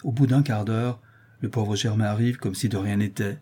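A man's voice: lowish voice, steady tone, normal speed, dark tone, breathy edge. A man reading a novel aloud, telling the scene in a conversational storyteller's way. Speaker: audiobook reader.

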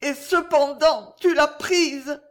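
A woman's voice: high-pitched, steady tone, slow, pitched above the performer's own voice. A woman reading an audiobook, voicing a passionate young noblewoman in a heightened, tremulous way. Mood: pleading passion.

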